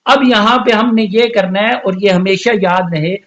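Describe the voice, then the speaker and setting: Man, Quran teacher, high voice, quick explanations, slow spelled-out letters, dull lo-fi sound. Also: a bit bright. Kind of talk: online Quran reading lesson.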